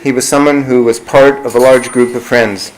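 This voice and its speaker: A middle-aged man, speaking at a measured pace as he gives a reflective eulogy for a friend at a funeral. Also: medium pitch, fairly even intonation, a crowd in the background, poor audio. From Canada. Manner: slow, measured, warmly reflective. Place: funeral service venue.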